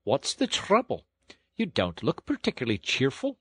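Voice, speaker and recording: A man's voice: medium pitch, wildly swooping pitch, normal speed, a bit bright, husky, dry recording, voice pushed up, heavily acted. A man voicing a burly, good-natured working-class engine driver in a storybook, folksy and plain-spoken. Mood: friendly, reflective. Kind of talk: storybook character acting.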